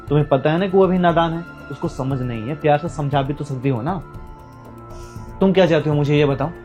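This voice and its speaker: A man's voice: fairly high pitch, darkish tone, natural voice. A man playing an elder brother who scolds his wife and sister-in-law for fighting, in an amateur family drama. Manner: lecturing, scolding. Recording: dull lo-fi sound with faint music.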